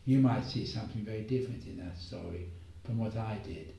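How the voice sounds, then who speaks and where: Gentle man preaching in an echoey room. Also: on the low side, creaky. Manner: gentle, unhurried storytelling with pauses. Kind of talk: reflective spoken homily. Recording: echoey room, voice far from mic.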